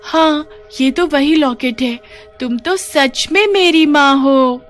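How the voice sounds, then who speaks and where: A woman voicing a young girl in a cartoon story, with a high childlike pleading voice. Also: slow, faint music behind. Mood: tearful. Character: young girl, grieving and loving daughter.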